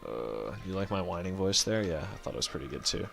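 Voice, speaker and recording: Low gravelly gamer thinking aloud. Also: male voice, big pitch swings, fairly quick, fairly bright tone, soft background music. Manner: thinks aloud, rambling and self-correcting, swears casually. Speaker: let's play host. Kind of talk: casual gameplay commentary.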